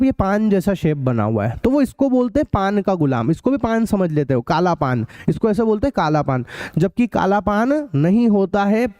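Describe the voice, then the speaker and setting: Young North Indian man, live maths tutor; chatty, drawn-out repeats, high but mellow voice, dry close sound. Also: dry recording. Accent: Hindi-speaking north India, local card-game terms. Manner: chatty, repeats key phrases slowly, calls students beta and bhaiya. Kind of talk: live online maths class.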